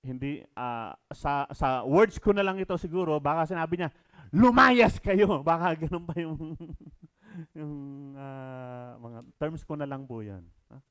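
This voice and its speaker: A middle-aged man with a Filipino accent preaching a sermon, moving between quiet asides and loud, emphatic reading. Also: on the high side, unhurried, smooth.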